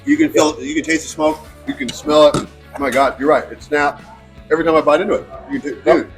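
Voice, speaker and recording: A man's voice: a little high, fast talker, faint music behind. A man hosting a food show, chatting enthusiastically in a barbecue restaurant. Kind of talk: casual chat while eating.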